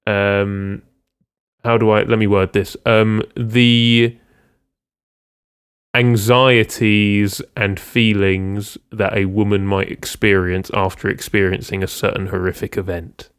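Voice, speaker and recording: Low-voiced man, smooth and dry. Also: level tone, slow pace, no echo. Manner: rambling, many ums and restarts. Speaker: podcast co-host. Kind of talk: casual music discussion.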